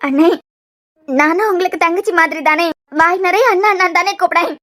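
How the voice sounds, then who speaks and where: A woman's voice: very high voice, fairly quick, fairly bright tone, pitched above the performer's own voice. A woman voicing a tearful, wronged young woman in a cartoon serial, with a Kanyakumari Tamil accent. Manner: tearful pleading.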